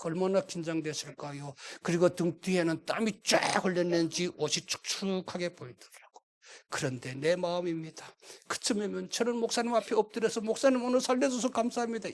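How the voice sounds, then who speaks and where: A man preaching a sermon from North Korea, telling a story with acted-out voices and sudden shifts from hushed to shouting. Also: high voice. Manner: dramatic storytelling, acts out voices, swings from quiet to shouting. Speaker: pastor.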